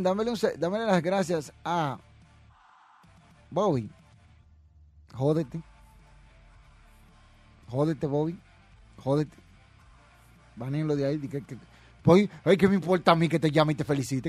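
A man's voice: fairly high pitch, a little mellow, no room sound. A man hosting a wrestling podcast, giving brash, mocking commentary and reading viewer comments. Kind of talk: casual opinionated commentary.

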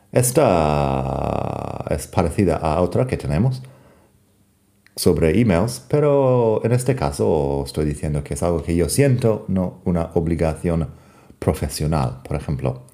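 A man from the United States, an English speaker teaching English grammar in a bilingual lesson, patiently repeating example sentences and pausing with fillers. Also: sits low, dark tone.

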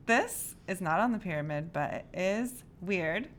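A woman's voice: on the low side, a little slow, a little hiss or hum. A woman co-hosting a podcast in casual chat, laughing often as she tells a mystery story. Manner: giggly, animated, storytelling. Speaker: podcast co-host.

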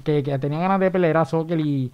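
A man's voice: a little high, quick pace, clear, resonant tone, highs cut off. A man in his twenties with a Puerto Rican accent, telling old school stories in a casual chat with friends, full of crude slang. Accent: Puerto Rican Spanish. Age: 20s. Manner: animated storytelling, crude slang. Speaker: podcast co-host.

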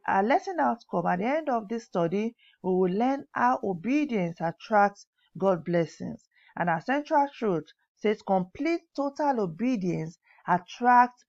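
A woman teaching a Bible lesson to teens, reading scripture aloud and slowing down to stress key words, sometimes correcting herself mid-sentence. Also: mid-range voice, vocal fry, a little mellow, highs cut off. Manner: pauses to correct herself, occasional coughs. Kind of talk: teen Sunday school Bible lesson.

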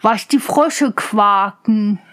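A woman voicing a simple, naive young son who answers slowly and earnestly in a fairy tale reading. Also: medium pitch, fairly bright tone.

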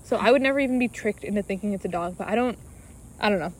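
A woman's voice: mid-range voice, very fast, a little hiss or hum. A young woman from Alaska chatting casually on a podcast, playful and full of "like". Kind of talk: casual chat.

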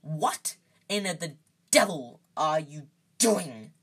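A woman's voice: sits low, lively intonation, moderate pace. A woman voicing a bullying middle-aged uncle in a storybook, blustering and pompous, both menacing and falsely polite. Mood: menacing fury. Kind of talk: storybook character voice.

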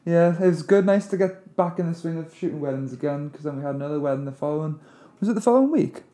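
A man, a wedding photographer chatting casually as a podcast co-host in a mumbling, relaxed way. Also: on the high side, fast. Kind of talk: casual chat.

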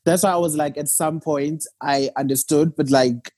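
Man, podcast co-host. Casual, husky, darker tone, pronounces R as W. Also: a little high, fairly even intonation, normal speed, darkish tone, no room sound. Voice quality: cannot say the letter R, says w for r. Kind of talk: casual chat about a TV series.

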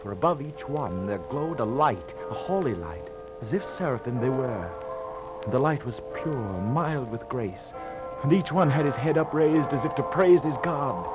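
Over loud music, a man with a medium-pitched, near-everyday voice speaks at a moderate pace with lively intonation, acting as a sailor tormented by guilt over his doomed voyage. This 1940s radio drama piece, heard through a noisy old recording, carries a haunted, awed mood and verse-like narration delivered as fervent, anguished, theatrical declamation.

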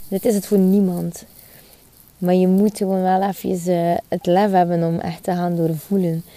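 A woman's voice: lowish voice, flat delivery, moderate pace, dark tone, no echo. A woman, hosting a spiritual podcast monologue outdoors in the sun, earnest and repeating her phrases. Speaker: podcast host.

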